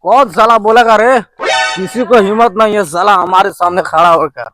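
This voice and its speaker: A man's voice: high voice, moderate pace, music in the background, lightly acted. A man playing a drunken, quarrelsome village husband, the town drunk, in a Bhojpuri-accented rural comedy skit. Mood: threatening. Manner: drunken, loud, quarrelsome bluster.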